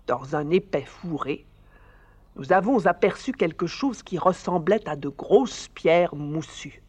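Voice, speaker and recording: A man's voice: fairly high pitch, breathy edge, full character voice. A man voicing Akka, the wise old goose. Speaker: storyteller figure. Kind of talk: radio drama reading.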